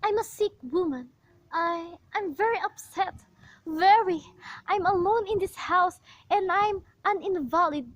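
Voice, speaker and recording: A woman's voice: very high-pitched, a little slow, dry recording, rough recording. A woman playing a frightened bedridden woman alone at night, pleading frantically in an amateur radio play. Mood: anxious. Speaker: invalid caller.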